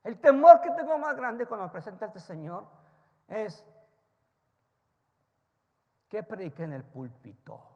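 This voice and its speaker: A man preaching from the pulpit with a high, gravelly voice that rings out through a church with long reverb. He jumps from loud, emphatic lines to quiet, low-spoken asides and keeps putting questions to the congregation. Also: lively intonation, a little slow, pauses often, muffled recording. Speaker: pastor. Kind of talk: sermon. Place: church sanctuary.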